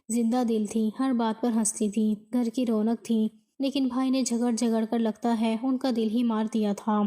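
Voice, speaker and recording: A woman narrating a moral story in a scripted, even way, without fillers. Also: a little high.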